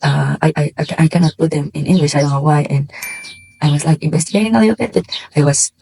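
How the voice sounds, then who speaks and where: Talking fast in a low, creaky, warm voice, a Mexican-accented tarot reader addresses her viewers in a casual to-camera chat. She hasn't slept and sounds tired and hesitant, using many fillers and restarts, with a little hiss or hum in the recording.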